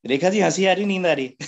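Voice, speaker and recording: A man with a slightly high voice delivers a motivational talk to a business meeting audience. He talks in a casual, joking way and laughs at his own points. He keeps checking in with the room through rhetorical questions. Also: animated, normal speed. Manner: rhetorical questions with a constant "है ना?" tag.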